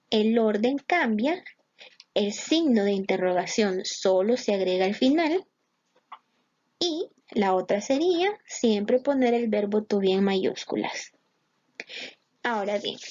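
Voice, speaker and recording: A woman's voice: a little high, darkish tone, highs cut off. A woman teaching English grammar in a patient, explanatory online lesson, mixing English terms into her Spanish.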